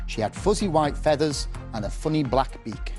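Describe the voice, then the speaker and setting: A man with a fairly high, darkish voice speaks expressively at a moderate pace, with faint music in the background. He is a primary head teacher addressing an audience in a simple, instructive classroom style, explaining, teaching and reading from a storybook. The setting is a television studio.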